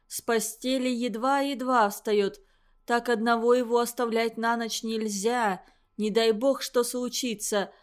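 A gentle, caring mother, as a woman reads her, soft-spoken and soothing. Her voice sits a little high. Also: fairly even intonation, a little slow, clean tone, lightly acted. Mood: worried.

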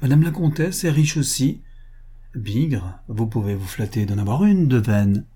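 A man's voice: medium pitch, expressive, unhurried, warm tone, slightly rough. A man reading the part of a crude, greedy rich upstart with a blunt, boastful way of talking. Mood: blustering.

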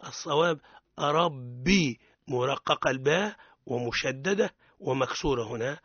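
A man's voice: mid-range voice, a little slow, a bit bright, husky, no echo, lo-fi sound. A man with a Tunisian accent teaching Quran recitation on radio, correcting pronunciation and modelling words for students to repeat. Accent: Tunisian Arabic.

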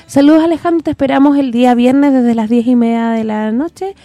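A woman's voice: high voice, brisk, dark tone, no echo. A Chilean woman hosting a community radio show, chatting casually with guests, giggly and affectionate. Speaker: radio host.

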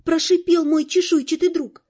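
A woman narrating an audiobook in the first person, lively and expressive, over faint music on a dull lo-fi recording. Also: very high voice, moderate pace.

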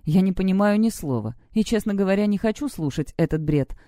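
A woman reading the lines of an annoyed teenage boy who hisses his dismissals. The voice stays near the reader's own, mellow and soft. The sound is close and dry. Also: mid-range voice, lively intonation, a little fast, no room sound, lightly acted. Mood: irritated. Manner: hissing, annoyed.

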